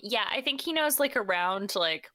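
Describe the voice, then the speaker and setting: A young woman co-hosting a casual podcast chat. She is animated, laughs often and mimics her husband. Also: medium pitch, normal speed, dry recording, clean studio sound. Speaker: podcast co-host.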